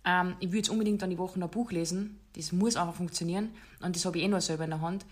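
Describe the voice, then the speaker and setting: A woman's voice: fairly low pitch, fairly even intonation, quick pace. A woman hosting a casual podcast chat, talking in an emphatic, direct way. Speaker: podcast host.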